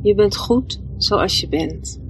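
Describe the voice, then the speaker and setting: A woman leading a guided meditation in a soft, soothing, gentle voice, leaving long pauses between phrases. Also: medium pitch, rough recording. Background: music.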